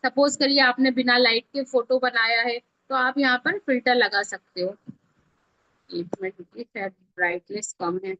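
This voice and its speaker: A video editing teacher with an Indian accent leads an informal, step-by-step online tutorial, chatting conversationally and repeatedly checking that learners follow. Her voice is on the high side, bright and forceful, at normal speed. The online class audio is dull and lo-fi, with a little hiss or hum.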